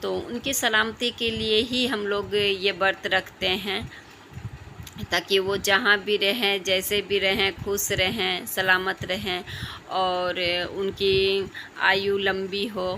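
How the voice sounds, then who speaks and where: A woman with a hoarse, tired voice, calmly explaining her day in a home vlog with frequent pauses. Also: medium pitch, slight background noise. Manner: calm, explanatory, with pauses and fillers. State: hoarse throat. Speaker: vlogger mother. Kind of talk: casual home vlog narration.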